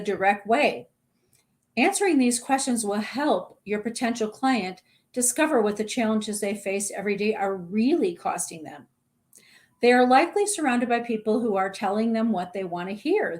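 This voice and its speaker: Middle-aged woman coach, a bit high-pitched, sincere and straightforward advice-video delivery. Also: a little mellow. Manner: earnest, direct, conversational with small restarts. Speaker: executive coach. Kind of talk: talking-head advice video.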